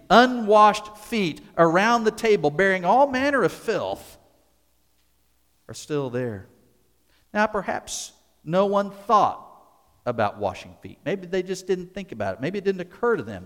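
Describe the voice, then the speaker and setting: A man preaching a sermon as a pastor, deliberate and emphatic, repeating key words and pausing for effect. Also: mid-range voice, in a large hall.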